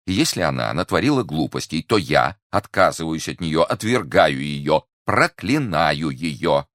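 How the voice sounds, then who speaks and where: A man voicing a fussy, frightened middle-aged merchant who pleads and protests excitably. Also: extremely low pitch, fairly quick, no echo, studio quality, pitched above the performer's own voice, full character voice. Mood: pleading. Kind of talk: audiobook character reading.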